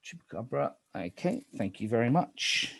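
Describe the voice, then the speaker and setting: A man moderating a game as a spooky narrator, speaking deliberately in hushed, near-whispered calls. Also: medium pitch, sing-song, gravelly, no room sound.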